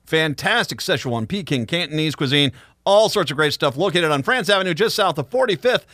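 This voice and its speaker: A man hosting a radio talk show, speaking in an animated, conversational and emphatic way. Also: on the high side, brisk, no room sound, clean studio sound. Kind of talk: live radio talk and news commentary.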